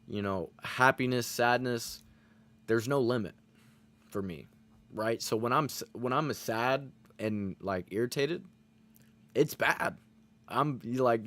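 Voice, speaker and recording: A man talks to his stream chat in a loose, rambling way. He is earnest and reflective, stacks filler words, and swears freely as he works through his points. His voice sits at an ordinary middle pitch for a man. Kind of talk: casual motivational talk to chat.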